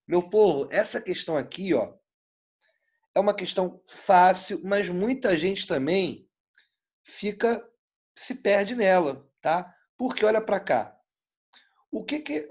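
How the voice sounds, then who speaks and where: Brazilian man teaching, stretching words. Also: high-pitched. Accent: Brazilian Portuguese. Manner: energetic, drawn-out words for emphasis, constant "tá?" checks. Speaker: Portuguese teacher. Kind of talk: online exam-prep lesson.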